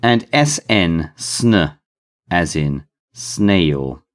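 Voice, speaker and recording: Slow, deep-voiced man teaching phonics. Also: animated. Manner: spells out letters and sounds carefully, emphatic on keywords. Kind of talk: slow, deliberate phonics lesson.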